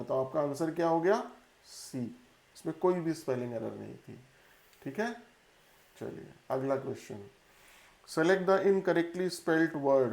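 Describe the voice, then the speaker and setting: A man's voice: mid-range voice, creaky, a little mellow, roomy sound. A man teaching an exam-prep English lesson in Hindi, spelling out words letter by letter. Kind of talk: classroom-style lesson.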